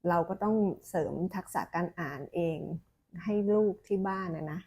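A woman's voice: lowish voice, moderate pace, darkish tone, slightly rough. A woman casually reviewing a children's picture book, chatty, with lots of filler particles and the odd self-correction.

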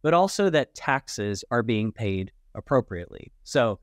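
A man's voice: medium pitch, unhurried, no echo, clean studio sound. Man presenting a tax webinar. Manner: relaxed, with fillers and small laughs. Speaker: webinar presenter on ministers' taxes. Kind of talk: casual explanatory webinar talk. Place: indoor office. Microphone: webcam on a video call.

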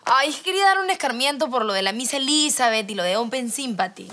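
A woman's voice: high-pitched, lively intonation, fast, sharp tone. An actress playing a scheming, flippant young woman in a telenovela. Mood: breezy scheming. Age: young adult. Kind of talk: telenovela acting.

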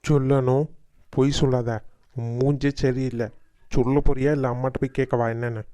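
A man's voice: medium pitch, level tone, moderate pace, warm tone, no room sound, clean studio sound, lightly acted. A man voicing a protective young husband in a cartoon, insistent and questioning. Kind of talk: cartoon voice acting.

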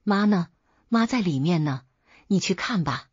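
A woman's voice: on the low side, expressive, unhurried, husky, no echo, lo-fi sound. A woman voicing a protective aunt who holds back her irritation. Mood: tense.

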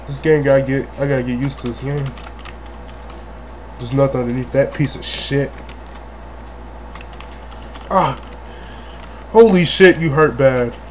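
Foul-mouthed man yelling over a game. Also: medium pitch, a little slow, pauses often, a little hiss or hum. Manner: crude, profane, with sudden loud outbursts. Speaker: gaming channel host. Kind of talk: let's play commentary.

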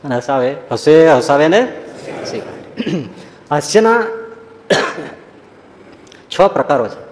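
A man giving a humorous religious talk, telling anecdotes in a lively storytelling way and acting out the people in them. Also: fairly high pitch, slow, long pauses, slight background noise. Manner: storytelling, animated, acts out quoted voices. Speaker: preacher. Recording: long hall reverb.

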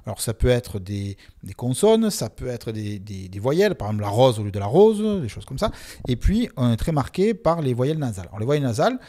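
A man with a Marseille accent, a sociolinguist guest, explaining pronunciation in a lively, expressive way and voicing examples aloud. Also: mid-range voice, fairly quick. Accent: Marseille French. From Marseille, France. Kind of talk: casual explanatory interview.

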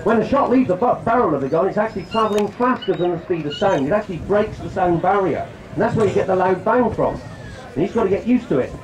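A man's voice: sits high, roomy sound, highs cut off. A man giving a jokey, chatty shooting demonstration to a crowd at an outdoor country show. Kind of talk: outdoor live demonstration talk.

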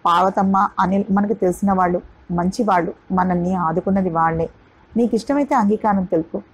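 A woman voicing a caring, worried mother urging her grown daughter to marry, tender and husky. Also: mid-range voice, a little fast, close to an everyday voice, low-quality recording.

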